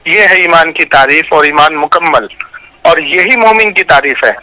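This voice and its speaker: A man's voice: on the high side, moderate pace, pushed and bright. A man debating religion on a phone call, quizzing and mocking his opponent. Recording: phone line.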